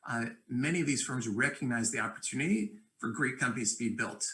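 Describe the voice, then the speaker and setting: A man at an ordinary middle pitch speaks on a panel over a video call. He explains steadily and fluently, assured of his points, listing examples one after another. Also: animated, quick pace, bright, forceful tone, poor audio. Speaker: venture capitalist panelist. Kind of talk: panel discussion.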